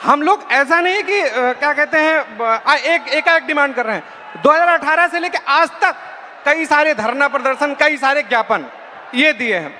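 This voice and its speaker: A man's voice: very high-pitched, animated, normal speed, pushed and bright. A young man, a student job aspirant, giving earnest public testimony in an emphatic, raised and respectful voice. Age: young adult. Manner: emphatic, raised voice, deferential address. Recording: noisy hall with long echo.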